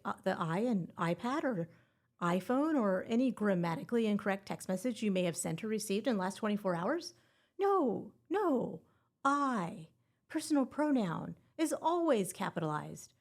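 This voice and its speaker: A woman hosting a scripted exam-prep podcast and teaching grammar in a playful, upbeat way with puns. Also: fairly high pitch.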